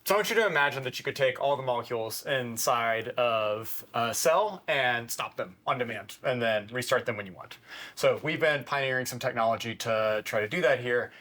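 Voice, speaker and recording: A man with a mid-range voice explains technical work in a calm, clear way. He speaks conversationally in an interview, laying out ideas step by step. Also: mid-range voice, normal speed. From Denver, Colorado. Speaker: cofounder and CSO. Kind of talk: casual interview talk.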